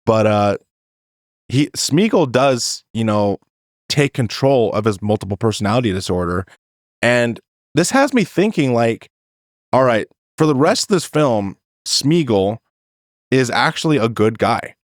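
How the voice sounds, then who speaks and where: In studio-quality audio with no room sound, a man hosts a podcast and recaps a film in a loose, casual chat. His mid-range voice is animated, his pace measured, and he swears now and then.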